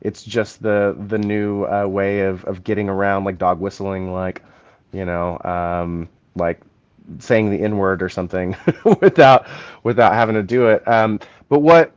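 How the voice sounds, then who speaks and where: Podcast guy with a lowish voice explaining politics at length, dull lo-fi sound. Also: steady tone, a little slow, clear, resonant tone. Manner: long explanatory answers, thinking aloud. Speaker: podcast co-host. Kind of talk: casual political discussion.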